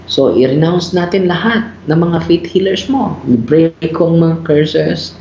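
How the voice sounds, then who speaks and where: Slow-talking priest, echoey room. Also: male voice, slight background noise. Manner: animated storyteller, mixing English into Filipino, frequent "bro" and "no?". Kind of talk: conversational teaching in a talk show. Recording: roomy, dull low-fi sound.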